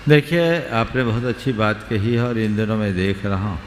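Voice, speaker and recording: A low-pitched man speaks as a monk, answering questions in a spiritual discourse. His measured, advisory words carry long reverb through a large roomy hall, with faint ambience behind. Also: a little hiss or hum. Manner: measured, advisory, gives brief counsel.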